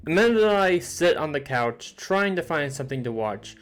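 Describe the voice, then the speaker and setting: A man co-streamer reading game narration aloud in a plain, steady way. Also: on the high side, moderate pace, faint music behind.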